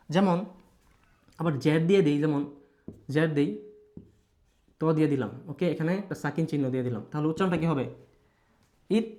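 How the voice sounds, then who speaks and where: A man teaching Quran letter pronunciation. He repeats sounds over and over, asks the learner questions and mixes in English words. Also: sits high. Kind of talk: online Quran recitation lesson.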